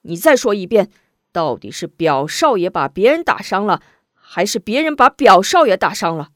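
Woman voicing a middle-aged army officer father, low and hushed at times, storybook drama. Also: animated, slow pace, breathy edge, no echo, clean studio sound, exaggerated voice. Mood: angry.

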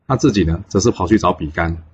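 A man retelling a classic legend in a chatty, casual way, pausing on fillers. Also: sits low, highs cut off, a little hiss or hum. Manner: chatty, with many pauses on fillers. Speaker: storyteller.

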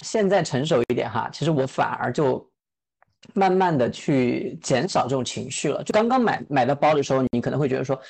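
A woman's voice: a bass voice, expressive, brisk, vocal fry, darkish tone, breathy edge. A woman in her thirties co-hosting a casual podcast chat. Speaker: podcast co-host.

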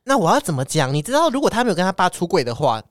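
A man's voice: high voice, big pitch swings, dry recording, clean studio sound. A man co-hosting a casual podcast chat, telling stories chattily and laughing easily. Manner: chatty storyteller, quick to laugh.

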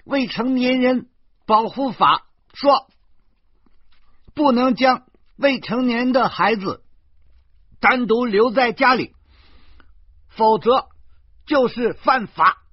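A man's voice: very high voice, slow pace, long pauses, breathy edge, no echo, voice pushed up, full character voice. A man voicing a precocious, bossy little girl who lectures like a grown-up. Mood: prim lecturing. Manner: prim, lecturing. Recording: dull lo-fi recording.

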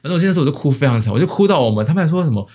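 A young man with a Taiwanese Mandarin accent, co-hosting a casual podcast chat, rambling with many restarts and quick laughs. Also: on the high side, lively intonation, crowd noise. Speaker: podcast co-host.

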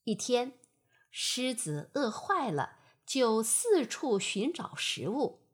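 A woman reads a bedtime fable at an unhurried pace, her voice soft and breathy. Her pitch rises and falls widely as she tells the story. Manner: gentle, expressive storytelling.

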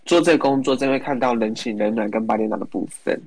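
A man with a Taiwanese accent chatting casually as a care worker, telling colloquial anecdotes in an animated way. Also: medium pitch, quick pace, no echo. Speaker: care facility worker telling work stories.

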